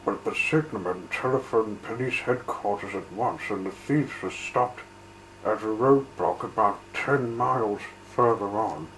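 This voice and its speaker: A man reading a children's train story aloud in an unhurried, gentle storytelling manner. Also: lowish voice, soft background music. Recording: roomy with faint hiss.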